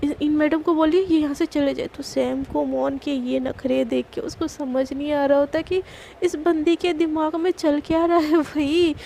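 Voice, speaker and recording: Brief: young woman storyteller, chatty and emphatic, dark mellow tone, flat delivery. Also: high voice, gravelly, a little hiss or hum. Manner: chatty, emphatic, filler-heavy. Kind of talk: casual spoken story narration.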